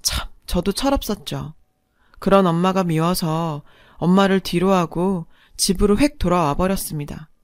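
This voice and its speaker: A woman's voice: fairly low pitch, normal speed, no echo, clean studio sound. A middle-aged woman narrating her own family story in a confessional, emotional way.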